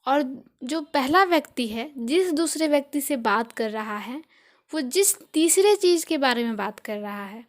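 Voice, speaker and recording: A young woman with an Indian accent and a high voice explains English grammar for an online lesson. She goes slowly and patiently, repeating each point in several ways with everyday examples. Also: lively intonation. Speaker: English teacher.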